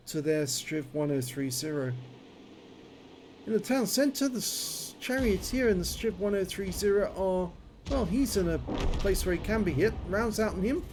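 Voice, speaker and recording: A man's voice: high-pitched, background noise. A man giving running commentary on a video game, his speech slightly impeded by a numb, toothache-swollen jaw. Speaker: gameplay commentator.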